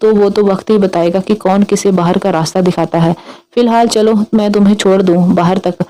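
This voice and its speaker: A woman's voice: medium pitch, fairly even intonation, fairly quick, dark tone, natural voice, poor audio. A woman voicing a playful, teasing young man in love in a read-aloud story. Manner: teasing, mock-innocent.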